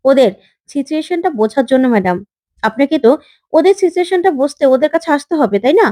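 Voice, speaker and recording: Defiant young working woman, firm, lecturing, high voice, read by a woman. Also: expressive, fast, mellow, dry recording, studio quality.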